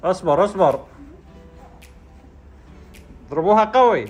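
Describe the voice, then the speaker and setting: A woman running a family game, giving brisk orders and often laughing. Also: on the low side, animated, darkish tone, soft background music. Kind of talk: casual family game calling.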